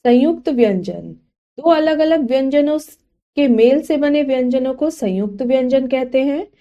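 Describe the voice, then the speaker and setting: A woman narrating a scripted grammar lesson, reading slowly and deliberately and drawing out each example sound. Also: sits high, lively intonation, dark tone, lo-fi sound. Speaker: teacher.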